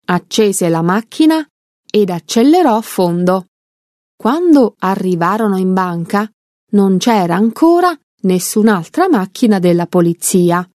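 A woman narrating a story aloud in a slow, careful reading. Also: mid-range voice, animated, darkish tone, dry recording, clean studio sound.

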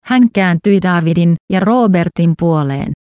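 A woman narrating a story aloud at a steady, unhurried pace, giving the characters their own voices. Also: on the low side, no echo, studio quality.

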